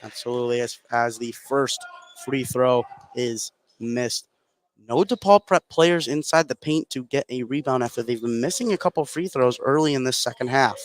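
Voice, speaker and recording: A man in a mid-range voice, speaking at normal speed, announces a live basketball game in terse present-tense lines that keep up with the play. Gymnasium sounds come through clearly behind him.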